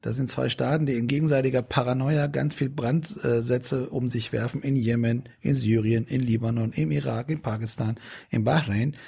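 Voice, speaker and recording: A man's voice: medium pitch, steady tone, moderate pace, vocal fry, dark tone, husky. A middle-aged man in a casual interview, talking in a rambling way with many restarts and fillers. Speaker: politician guest.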